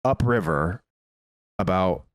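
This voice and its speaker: Dude, lowish voice, dry sound, telling stories with lots of cussing. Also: male voice, slow, no echo. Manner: animated retelling, swears freely. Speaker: podcast co-host. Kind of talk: casual chat, storytelling.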